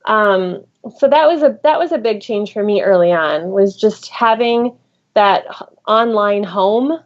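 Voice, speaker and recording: A woman's voice: medium pitch, a little slow. A woman teacher and guest author in a casual podcast conversation, thinking aloud with fillers and restarts. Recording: dull lo-fi recording.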